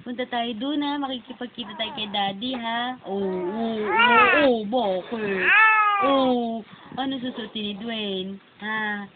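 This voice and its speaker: A high-voiced woman coos and teases a baby in singsong baby talk. She speaks slowly and gently. The home video sound is thin and tinny, with loud hiss behind her. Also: animated. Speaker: parent talking to her baby.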